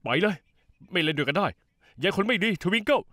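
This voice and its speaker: A man's voice: sits high, animated, a little fast, sharp tone, no room sound, clean studio sound. Childlike, whiny young man. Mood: sulky. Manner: innocent, whiny, playful. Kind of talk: dubbed TV drama acting.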